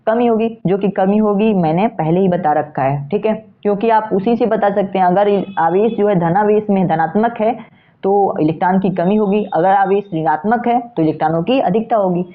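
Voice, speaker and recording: A man's voice: high-pitched, moderate pace. A male physics teacher talks through an exam problem step by step. He asks questions and answers them himself, and keeps checking in with the listener. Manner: repeats steps, with frequent "theek hai" checks. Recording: tinny phone-like sound.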